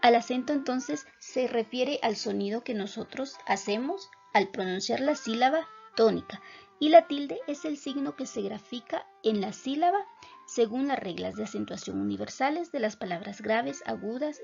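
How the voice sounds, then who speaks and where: Female teacher, slightly high voice with a gravelly edge, soft music behind, dull lo-fi sound. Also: animated. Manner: clear, measured explanatory delivery. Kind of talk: recorded classroom lesson.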